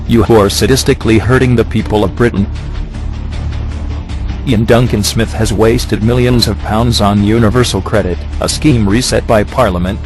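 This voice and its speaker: Man with a disguised deep voice. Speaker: activist spokesperson. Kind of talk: scripted protest statement. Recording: clear music bed behind the voice.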